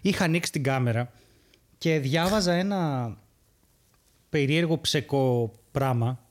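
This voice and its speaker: A man co-hosting a podcast in casual chat, animated and often laughing at his own stories. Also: on the high side. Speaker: podcast co-host.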